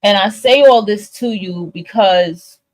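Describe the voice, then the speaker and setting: In an unhurried, mid-range voice, a woman who hosts a spiritual advice livestream gives her listeners a candid, casual pep talk. She repeats herself for emphasis and swears without holding back.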